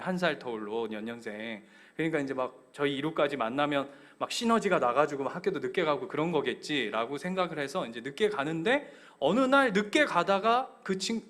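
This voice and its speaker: A male pastor delivering a sermon with a high, bright voice. He tells stories animatedly and puts questions to his congregation. His pitch rises and falls widely as he drives his points home. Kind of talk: sermon with personal anecdote.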